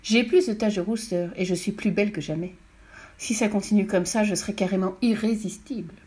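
A fearless little red-haired girl with a bright, cheeky, pushed-up voice and plenty of volume, as a woman reading the storybook puts her on. She sounds playful and sure of her own strength. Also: mid-range voice, a little fast, close to an everyday voice. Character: bold cheerful little red-haired girl, super strong. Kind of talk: audiobook character voice.

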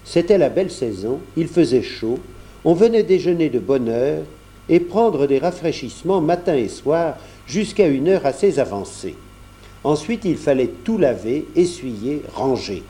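A man reading a novel aloud as narrator, in a measured storytelling manner. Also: fairly high pitch, animated, mellow. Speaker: audiobook narrator. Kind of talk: scripted narration.

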